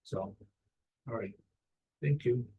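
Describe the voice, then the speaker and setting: A man's voice: medium pitch, slow, slightly rough, dull audio. A middle-aged man giving a tarot reading for a star sign in casual, conversational talk, often tagging his phrases with "right?". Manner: conversational, keeps adding "right?" after phrases. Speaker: tarot reader.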